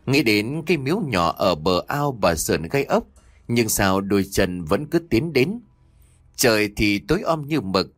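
Lively man narrating a ghost story. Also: lowish voice, no room sound.

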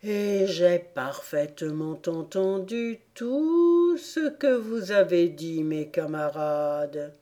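A woman voicing a drowsy male dormouse with a slow, dreamy, half-asleep drawl in an audiobook. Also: lowish voice, sing-song, warm tone, full character voice. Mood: sleepy. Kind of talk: audiobook character voice.

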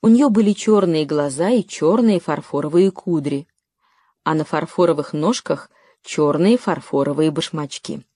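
An audiobook narrator reads scripted text in a low, mellow female voice. The pace is moderate, and the recording is dry and studio quality.

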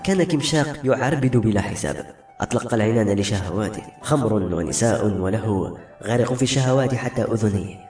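A man narrating a novel in an expressive, dramatic reading. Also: lowish voice. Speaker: audiobook narrator. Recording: roomy audiobook recording, faint music.

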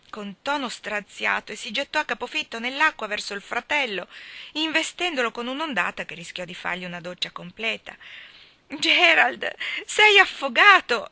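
Very bright female audiobook narrator. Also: medium pitch. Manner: expressive reading, voicing characters. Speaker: audiobook reader.

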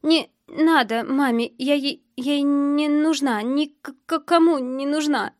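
A woman putting on a distraught teenage girl who is crying hard. The voice climbs high and shakes, breaking into stammered, breathless bursts. It sits in a dry, close storybook recording. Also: moderate pace, dark tone, no room sound. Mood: tearful stammering. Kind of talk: audiobook character voice.

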